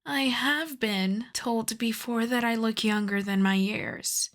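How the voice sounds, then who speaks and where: A woman playing an ancient aristocratic vampire countess in an ASMR roleplay, soft and breathy with whispers, speaking in a refined, coy, teasing way. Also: on the high side, takes it slowly. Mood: flattered, coy. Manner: refined, coy, formal old-fashioned phrasing. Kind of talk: ASMR roleplay, slow intimate scripted monologue.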